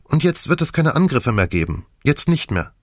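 A man voicing an agitated young woman who talks in a hurried, urgent way. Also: mid-range voice, very animated, no echo, studio quality, pitched above the performer's own voice. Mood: urgent, pleading.

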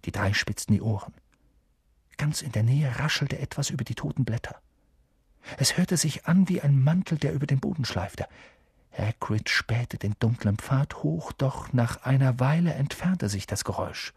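A man narrates an audiobook in a calm, measured storytelling voice. His tone has a slight husk, and the recording is dry and close. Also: medium pitch, breathy edge, no room sound. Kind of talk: scripted narration.

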